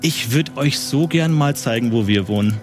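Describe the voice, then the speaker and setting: A man's voice: mid-range voice, normal speed, faint music behind, lightly acted. A man voicing a menacing middle-aged male inquisitor with a mock-friendly manner.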